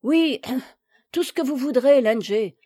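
A woman's voice: on the high side, measured pace, a little mellow, no echo, clean studio sound, close to an everyday voice. A woman reader voicing a fussy, complaining housemaid in a storybook. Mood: grudging. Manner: scolding, complaining. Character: fussy scolding grown woman maid.

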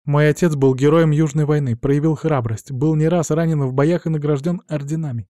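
A cold, vengeful young woman, put on by a male reader, who drawls her threats slowly and mockingly in a raised, lighter voice. The tone is dark and mellow, and the dry close recording keeps every word intimate. It sounds like a storybook read aloud. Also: on the high side, steady tone, dry recording, pitched above the performer's own voice, lightly acted. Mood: cold menace.

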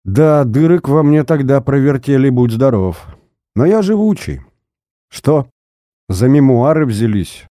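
A man voicing a calm, mocking former agent who threatens an old officer, menacing and cold. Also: medium pitch, a little slow, dry recording, clean studio sound, voice pushed up, close to an everyday voice.

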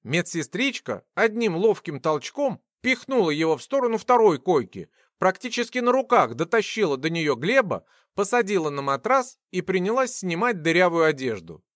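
Expressive male audiobook narrator. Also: high voice, normal speed, few pauses, no room sound, clean studio sound. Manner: expressive storytelling. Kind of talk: scripted fantasy narration.

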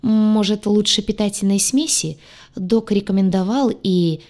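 A woman's voice: mid-range voice, a little slow, a little mellow, voice pushed up, close to an everyday voice. Woman voicing a jittery horned demon. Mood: nervous. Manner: panicky, stammering pleas. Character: huge nervous horned male demon.

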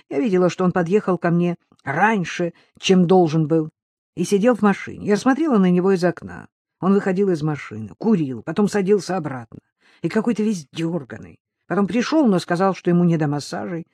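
A woman's voice: fairly low pitch, animated, fairly quick, dark tone, no echo, clean studio sound. A woman reading aloud, voicing an offended young woman who defends herself resentfully and insistently.

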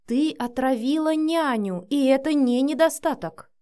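A woman's voice: high voice, a little slow, voice pushed up. A woman voicing a short-tempered adult father in an audiobook, speaking curtly and giving orders. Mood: horrified. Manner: curt, commanding, flares into shouting. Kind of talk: audiobook character voice.

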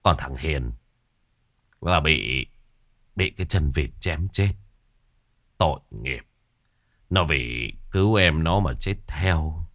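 A man voicing a sorrowful middle-aged fisherman who speaks haltingly, in a storybook reading. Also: mid-range voice, sing-song, breathy edge, voice pushed up. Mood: grieving. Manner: halting, stammering speech. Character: grieving middle-aged fisherman father, low and heavy.

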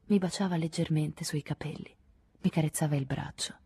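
A woman narrating a literary novel in the first person, measured and intimate. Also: low-pitched, fairly even intonation, warm tone, husky, dry recording. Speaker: audiobook narrator.

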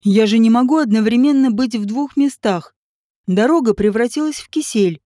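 A woman voicing a gruff, irritable man who barks curt orders. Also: on the high side, moderate pace, warm tone, dry recording, clean studio sound, close to an everyday voice.

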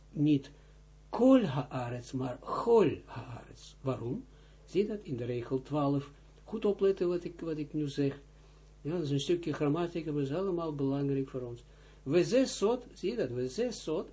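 A man's voice: mid-range voice, mellow, slightly rough. A man teaching as a rabbi, reading Hebrew and Aramaic phrases aloud and explaining them in Dutch, often repeating himself and urging close attention. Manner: halting, with restarts. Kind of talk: line-by-line text study lesson.

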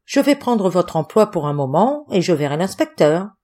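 A woman voicing a calm, resourceful male fugitive in a composed, plain manner in an audiobook. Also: lowish voice, moderate pace.

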